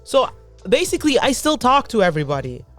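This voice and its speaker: A woman co-hosting a reaction channel, chatting in a relaxed, low-key way and trailing off as she thinks. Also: fairly quick, faint music behind. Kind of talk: casual chat.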